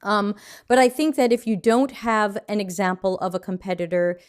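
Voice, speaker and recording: A woman's voice: medium pitch, moderate pace, clean tone. An American woman teaching a live online design lesson in a chatty, conversational way, answering viewer questions as she goes. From United States.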